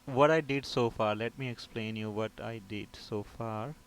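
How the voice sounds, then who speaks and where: A man with a lowish voice speaks at a moderate pace on a rough recording, though free of background noise. He's a repair technician instructor delivering an informal, explanatory step-by-step technical tutorial, often asking and then answering his own questions.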